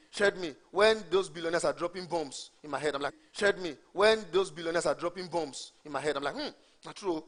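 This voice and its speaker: A man's voice: on the high side, a bit bright. A man gives a motivational talk at a live event. He repeats key phrases for emphasis and often asks the audience questions. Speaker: event speaker.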